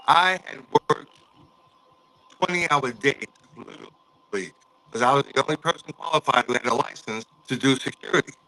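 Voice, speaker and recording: A man's voice: medium pitch, normal speed, sharp tone, poor audio. A man telling a story in casual chat over a remote online call, his audio choppy and cutting in and out. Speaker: panel guest on a live stream.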